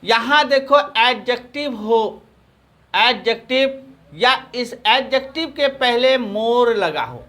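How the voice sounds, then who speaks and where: High, bright-voiced Hindi-accented male teacher. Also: lively intonation. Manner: drills phrases slowly, asks and answers own questions. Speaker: English teacher. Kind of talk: classroom grammar lesson.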